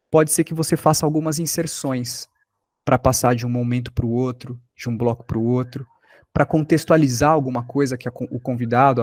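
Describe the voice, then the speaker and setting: A Brazilian man leads an informal workshop lesson, explaining through examples, rhetorical questions and check-ins. His mid-range voice is a little mellow, recorded with clean studio sound and no echo.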